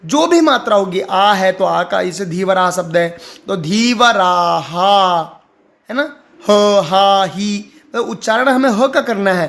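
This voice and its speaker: A man teaching how to read and pronounce Sanskrit, explaining patiently and repeating words for the learner. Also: sits high. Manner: slow, deliberate chanting of Sanskrit lines. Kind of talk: explaining reading and pronunciation.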